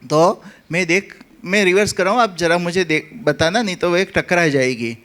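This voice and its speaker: A man with a Gujarati accent telling humorous anecdotes to an audience, acting out the characters' lines with lively energy. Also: sits high, brisk. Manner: animated storyteller acting out the characters. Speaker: comic speaker at a spiritual gathering.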